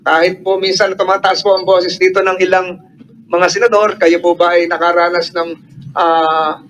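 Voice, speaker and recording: A man chairing a hearing, asking formal, polite questions with some halting pauses. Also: sits high, flat delivery, a bit bright, a little hiss or hum, rough recording.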